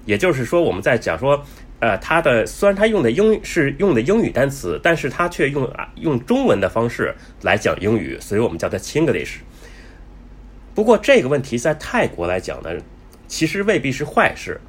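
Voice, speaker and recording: A man with a husky voice talks casually and explains things step by step. His pitch moves around a lot, and he keeps breaking up his sentences with fillers and restarts. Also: big pitch swings. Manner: chatty, many fillers and restarts; says he talks fast. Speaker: travel vlogger.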